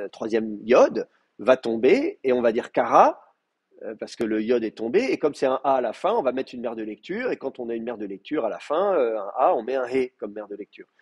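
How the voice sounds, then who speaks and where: Husky-voiced man teaching a Hebrew class. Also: mid-range voice, sing-song, normal speed, darkish tone. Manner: explanatory, frequent filler words and restarts. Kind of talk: university lecture.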